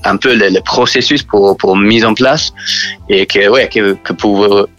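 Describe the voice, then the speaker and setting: A man from New Zealand speaking French as a second language with a strong English accent, halting and often repeating words as he answers interview questions. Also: lowish voice, fairly bright tone, faint music behind. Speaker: interview guest from a church sports outreach group.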